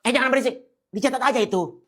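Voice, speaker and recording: A young woman acting out a loud, teasing comedy sketch in which she mocks a soft-spoken classmate. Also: sits high, fast talker. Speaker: sketch performer. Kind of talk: comedy POV sketch, playing several schoolgirls.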